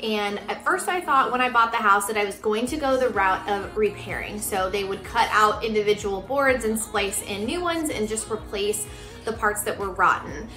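Bright, chatty woman vlogger in her thirties. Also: mid-range voice, moderate pace. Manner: chatty, explanatory. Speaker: home renovation vlogger. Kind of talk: casual explanatory vlog to camera. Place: living room indoors. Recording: roomy living-room echo, music underneath.

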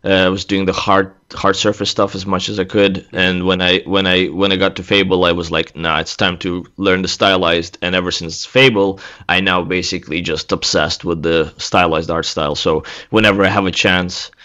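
A man in his thirties from Latvia, a guest artist chatting casually in an interview, relaxed and laughing easily. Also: sits low, normal speed, few pauses, lo-fi sound. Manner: relaxed, laughs easily, speaks in loose restarts. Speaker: guest, senior environment artist.

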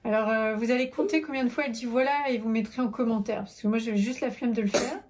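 A woman's voice: on the high side, fairly even intonation, fast, a little mellow. A woman, the mother on a family vlog, chatting casually, teasing and using many fillers. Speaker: mother of the vlogger, co-host. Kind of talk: casual home video chat.

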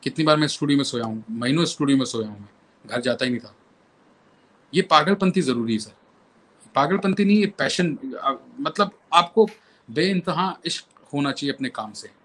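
A man's voice: fairly high pitch, animated, moderate pace, fairly bright tone. A male violinist and composer telling anecdotes as an interview guest, repeating phrases for emphasis.

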